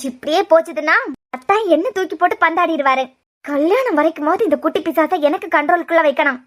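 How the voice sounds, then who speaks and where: A woman's voice: very high voice, fast, fairly bright tone. A woman with a Kanyakumari Tamil accent voicing a cruel, scheming young bride-to-be in a cartoon serial, scolding and threatening a child.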